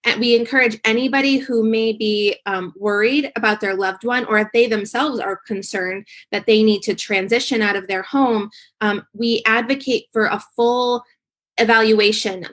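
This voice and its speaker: A woman's voice: a little high, a bit bright. A woman working as an occupational therapist, answering interview questions in an explanatory way with frequent fillers. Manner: explanatory, many um fillers, fast bursts.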